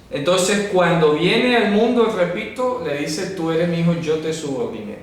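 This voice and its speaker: A man teaching a Bible lesson at a board. He explains things carefully and keeps asking his listeners whether they follow. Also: a little high. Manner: explanatory, asks listeners rhetorical check-in questions. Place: room with a writing board. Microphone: camera mic from a distance. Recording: very echoey room, mic far off, faint noise.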